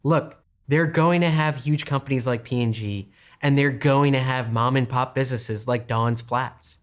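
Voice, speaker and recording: A man's voice: medium pitch, normal speed. Emphatic salesman-like man presenting figures. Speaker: co-host and investment analyst. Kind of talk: scripted promotional presentation.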